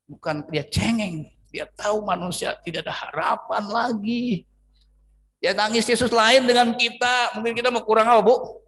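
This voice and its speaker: In this sermon, a man pastor with an Indonesian accent moves between forceful, loud statements and quiet, drawn-out phrases. He preaches with animation, abrupt pitch changes, and elongated words.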